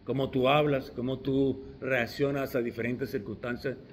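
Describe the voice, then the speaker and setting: A man's voice: mid-range voice, flat delivery, normal speed, a little hiss or hum. A middle-aged man preaching a sermon, stressing key words with restarts along the way.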